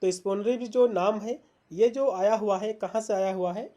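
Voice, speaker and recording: A woman teacher explains literary terms in an exam-prep lecture, leaning on fillers and repeating herself. She reads English definitions slowly, one word at a time. Her voice is mellow and mid-pitched.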